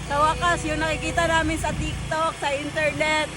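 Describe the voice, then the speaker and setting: A young woman filming an excited travel vlog outdoors in strong wind, often squealing and cheering. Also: sits high, normal speed. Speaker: vlogger.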